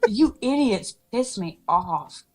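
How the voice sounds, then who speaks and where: Lively, blunt young woman on a stream. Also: mid-range voice, slow pace, breathy edge. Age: 20s. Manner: blunt and profane. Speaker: livestream panelist. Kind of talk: casual livestream chat.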